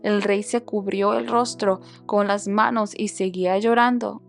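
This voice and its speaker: A woman reading a Bible passage aloud for a podcast in a steady, measured storytelling voice. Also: medium pitch, creaky, faint music behind. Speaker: Bible reader, podcast host.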